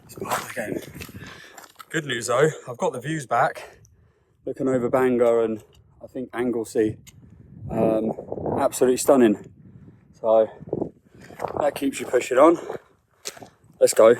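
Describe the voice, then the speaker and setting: A man's voice: medium pitch, fairly even intonation, unhurried, long pauses, background noise. A young man vlogging outdoors while hiking a mountain, talking in a chatty, blunt, self-mocking way and swearing casually. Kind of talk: casual vlog talk to camera.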